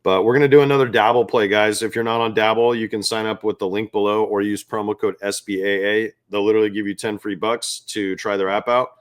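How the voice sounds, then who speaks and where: A man's voice: lowish voice, steady tone, fairly quick, few pauses. A man hosting a sports betting picks show, talking loosely and with amusement straight to his viewers. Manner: chatty, loose and self-amused, talks straight to viewers as "guys". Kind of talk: casual talk to camera.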